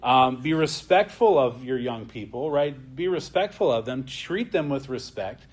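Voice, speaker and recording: A man's voice: mid-range voice, animated, measured pace. A man teaching an adult church class in a plain, conversational way. He often adds a questioning "right?" as he talks.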